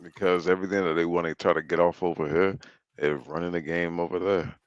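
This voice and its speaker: A man's voice: low-pitched, steady tone, a little fast, no room sound, muffled recording. A man co-hosting a podcast in laid-back, slangy casual chat, laughing often.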